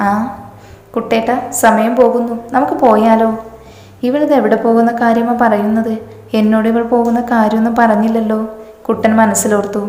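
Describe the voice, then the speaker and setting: A woman reading aloud a romantic story, voicing all the characters in one even voice. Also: fairly high pitch. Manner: flat, even reading of every part in one voice. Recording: echoey room with long reverb.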